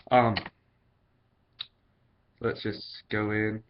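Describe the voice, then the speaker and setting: A man's voice: fairly low pitch, flat delivery, extremely slow. A man giving a casual, chatty product review in vlog style. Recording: dull, lo-fi sound.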